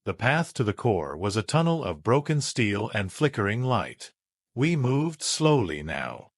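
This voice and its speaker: Slow, lively male storyteller. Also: fairly low pitch, dry recording, clean studio sound. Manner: measured, dramatic storytelling. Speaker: narrator. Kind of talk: scripted first-person sci-fi narration.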